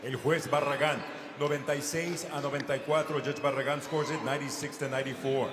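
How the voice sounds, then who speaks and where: A man working as a bilingual boxing ring announcer, with a drawn-out, booming lucha libre-style delivery over an arena PA. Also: fairly even intonation. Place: large indoor arena over PA. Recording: echoey loud arena, crowd noise. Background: loud crowd and noise.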